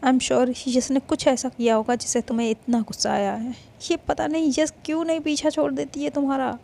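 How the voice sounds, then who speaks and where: A fiercely loyal young woman, pitched a little higher and sounding insistent as she talks, as a woman narrating a story puts her on. The voice keeps a gravelly, mellow grain. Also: steady tone, a little fast. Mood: pleading. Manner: indignant, vowing, insistent.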